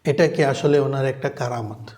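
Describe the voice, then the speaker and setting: A man's voice: medium pitch, moderate pace, darkish tone. A man giving a religious lecture, explaining patiently, often asking the listeners "right?" and reciting Arabic phrases. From Bangladesh. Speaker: Islamic lecturer.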